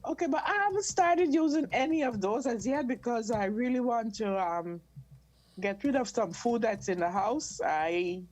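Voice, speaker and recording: A woman from Guyana calls in for advice over a video call in a casual conversation. Her voice is on the high side, expressive and a little mellow, at a moderate pace. She speaks hesitantly, often restarting sentences and repeating words.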